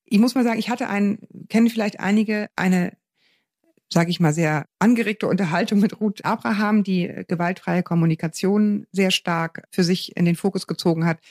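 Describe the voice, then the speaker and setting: A woman's voice: medium pitch, normal speed, a little mellow, dry recording, clean studio sound. A woman co-hosting a parenting podcast, engaged and agreeing often while she sums up a listener's letter. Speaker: podcast co-host giving parenting advice. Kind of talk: casual advice chat.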